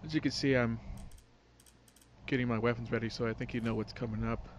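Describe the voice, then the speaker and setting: A man's voice: medium pitch, fairly even intonation, fairly quick, a little hiss or hum. A man casually talking while he plays a video game, easygoing and joking with his friend. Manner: easygoing, joking, brief replies. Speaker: let's play player. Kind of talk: casual gaming chat.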